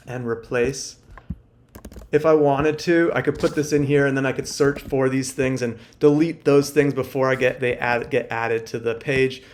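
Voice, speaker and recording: A man teaching a screen-share workshop, casual and thinking aloud with many fillers. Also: mid-range voice. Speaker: workshop instructor. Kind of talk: screen-share tutorial walkthrough.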